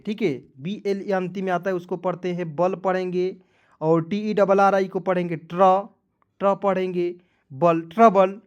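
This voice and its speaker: A man's voice: high voice, darkish tone, muffled recording. A man teaching English pronunciation, spelling words out letter by letter and asking viewers to comment. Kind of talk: Hindi-language English spelling lesson.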